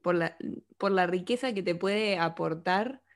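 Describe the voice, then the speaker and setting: Low, gravelly-voiced woman chatting. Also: unhurried. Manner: friendly, agreeable, uses many fillers. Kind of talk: casual conversation.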